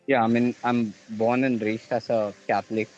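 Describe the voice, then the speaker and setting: A man's voice: medium pitch, level tone, darkish tone, muffled recording, soft background music. Hesitant man on a call line. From India. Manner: halting, searching for words, many restarts. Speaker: caller. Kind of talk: call-in question to a religious show.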